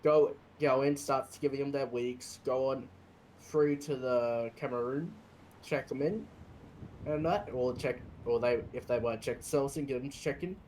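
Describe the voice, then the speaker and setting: A man with an average-pitched voice explains rules in a matter-of-fact manner. His delivery is halting, as if recalling a procedure in a roleplay game. Faint noise sits on the voice chat. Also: a little mellow, rough recording. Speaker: player acting as a prison officer in an online roleplay. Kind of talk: explaining procedures, partly reciting.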